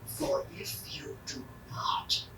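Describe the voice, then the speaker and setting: A man's voice: takes it slowly, in a whisper, close to an everyday voice. A man voicing an ominous spirit from beyond in a Halloween audio drama, with a solemn, menacing delivery. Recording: echoey, distant, noisy.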